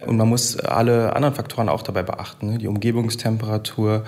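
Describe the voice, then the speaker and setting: A man's voice: on the low side, steady tone, fast, a little mellow. A man who makes tofu, explaining his craft in a matter-of-fact way in a recorded interview clip.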